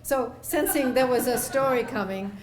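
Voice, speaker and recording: A woman telling a true story in a conversational, lively way. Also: sits high, normal speed, echoey room, crowd noise. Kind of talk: oral storytelling.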